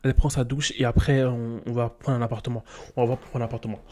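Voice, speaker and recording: Casting: young male gaming YouTuber, mellow warm tone, lively and scolding. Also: medium pitch, fast talker, a little hiss or hum. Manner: animated, scolding his game characters with slang. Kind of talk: casual game commentary.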